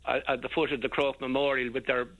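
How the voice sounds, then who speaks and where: A man's voice: medium pitch, level tone, fast talker. An older Irish man, a radio guest, recalling local history in casual, rambling talk with many restarts. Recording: dull band-limited radio sound.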